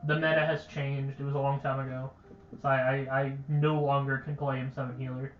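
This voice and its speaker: A man's voice: mid-range voice, level tone, brisk, echoey room, highs cut off, soft background music. A young man chatting casually on a game livestream, rambling and stuttering, with lots of "like" fillers. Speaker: game streamer.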